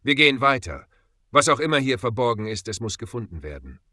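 A man's voice: medium pitch, big pitch swings, brisk, pushed and bright, no room sound, clean studio sound. A man voicing a grim, hard leader who quotes scripture, speaking harshly and tersely.

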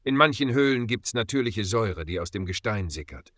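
A man's voice: fairly low pitch, animated, a little fast, a bit bright, dry recording. A man voicing a terse, knowing female mercenary who murmurs.

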